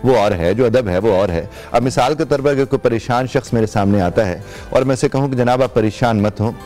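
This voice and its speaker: A man's voice: medium pitch, fairly quick, warm tone, soft background music. Formal, explanatory male language teacher. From Pakistan. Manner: explanatory, formal Urdu with English words. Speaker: English teacher, guest. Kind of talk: studio TV interview.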